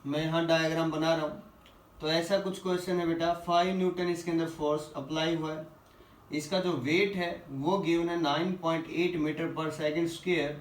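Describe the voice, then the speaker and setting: A male physics teacher going through quiz questions, asking the class questions and answering them himself, reading English questions slowly before explaining. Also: on the high side, level tone, distant mic. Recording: echoey room, voice a little off-mic.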